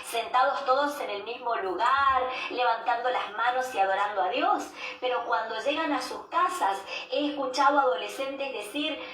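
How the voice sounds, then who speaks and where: A woman giving a devotional sermon as a preacher, measured and repeating key phrases for emphasis. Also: on the high side, a bit bright. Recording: roomy echo, distant mic, faint background noise.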